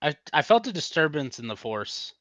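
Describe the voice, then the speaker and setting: A man playing a tabletop role-playing game, talking in a hesitant, halting way. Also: fairly high pitch, big pitch swings, bright, forceful tone, no room sound. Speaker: player. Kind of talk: casual tabletop play. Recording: slightly dull dry home mic.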